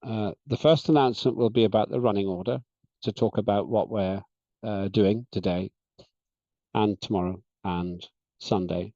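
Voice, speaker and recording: Man, session chair, measured and deliberate delivery, lowish mellow voice, dull video-call sound. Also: steady tone, no echo. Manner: measured, deliberate, with frequent "uh" fillers. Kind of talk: chairing an online meeting.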